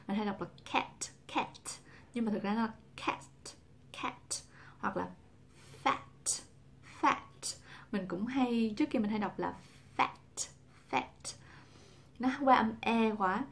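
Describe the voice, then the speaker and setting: A young woman teaching English pronunciation in a casual talk to camera, saying example words slowly and repeating them. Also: medium pitch, creaky.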